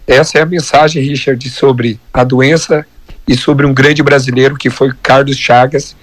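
Male Brazilian health columnist, medium-pitched, hoarse, dry recording, measured explanatory radio delivery. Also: fairly even intonation, no room sound. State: hoarse from viral laryngitis.

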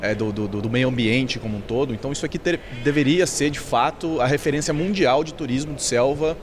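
A man's voice: mid-range voice, a little fast, a little hiss or hum. A man visiting as a panel guest, talking casually with many restarts and fillers.

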